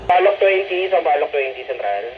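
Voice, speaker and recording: A man's voice: on the high side, animated, a little fast. A man heard over a walkie-talkie radio, giving terse fire dispatch calls and repeating each one twice. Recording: lo-fi radio with static noise.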